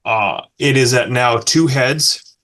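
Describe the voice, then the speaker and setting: A man running a tabletop game as game master, narrating combat in quick bursts broken by fillers and restarts. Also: medium pitch, sharp tone. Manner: fast, halting with many fillers and restarts.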